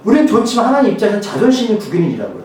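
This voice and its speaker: A male pastor delivers a sermon in a rapid-fire, high and very lively voice, joking casually and repeatedly throwing rhetorical questions at his congregation. The mic is far off, so his voice sounds distant and rings through a very echoey church hall.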